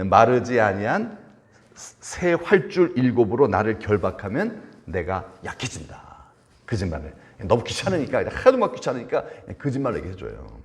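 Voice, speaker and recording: Male pastor telling a bible story in a sermon, voice swoops way up and down, keeps asking the room questions. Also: fairly low pitch. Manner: animated storytelling, asks the congregation questions, acts out voices. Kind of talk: Friday prayer meeting sermon.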